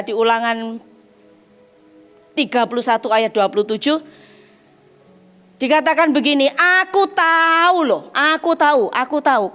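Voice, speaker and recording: A middle-aged woman preacher, delivering an animated, emphatic sermon. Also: a little high. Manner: animated, emphatic, mixes in English and Javanese phrases. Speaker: evangelist preacher.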